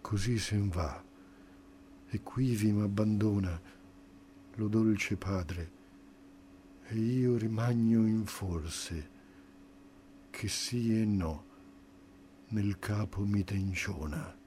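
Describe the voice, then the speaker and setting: Very slow, solemn male poetry reader. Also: on the low side, dark tone, a little hiss or hum. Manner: solemn, declaiming, rising in intensity at dramatic moments. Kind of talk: dramatic poetry recitation.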